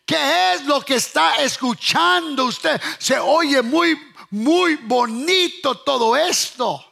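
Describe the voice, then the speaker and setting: A man preaching a sermon, emphatic, repeating his points and asking the listeners if they hear him, sometimes shouting and half-singing phrases. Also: extremely high pitch, animated, slow pace, vocal fry.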